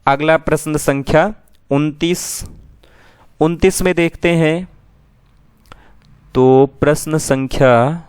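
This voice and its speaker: A male teacher working through an exam-prep lesson at an unhurried, measured pace, asking a question and then giving the answer himself. His voice sits a little high and sounds smooth and crisp. The recording is dry and close. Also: no echo. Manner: slow and drawn-out, asks questions then answers them.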